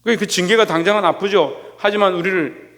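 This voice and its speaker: A male pastor with a fairly high voice delivers a sermon, firing rhetorical questions at his listeners and calling on them by name. His voice rings out in a church hall with a long reverb tail. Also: fairly quick, a bit bright. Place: church sanctuary.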